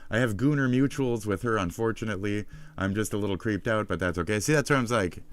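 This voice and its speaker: Low-voiced man ranting profanely. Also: fast talker. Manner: profane, heated, sarcastic. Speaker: streamer. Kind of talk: ranting live-stream commentary.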